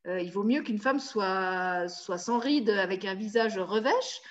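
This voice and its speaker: A woman hosting a talk show, telling stories in a lively, exclamatory way. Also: mid-range voice, a little slow, lo-fi sound. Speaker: show host.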